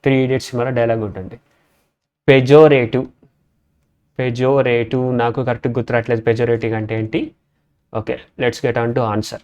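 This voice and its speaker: A man's voice: mid-range voice, little pitch movement, a little fast, long pauses, a little mellow, clean tone, highs cut off. A man teaching English vocabulary in a casual lesson, spelling words out letter by letter and saying "okay" again and again. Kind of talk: casual lesson explaining word roots.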